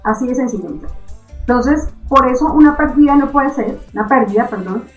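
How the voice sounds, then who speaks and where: A woman teaching an online reading lesson, constantly checking understanding with quick questions. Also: high voice, expressive, reverberant, soft background music, rough recording.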